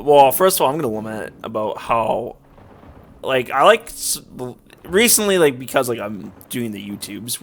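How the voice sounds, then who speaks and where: With faint game music in the background and a little noise on the recording, a man with a low, gravelly but fairly bright voice rambles through casual gameplay commentary. This let's play YouTuber leans heavily on fillers, especially "like."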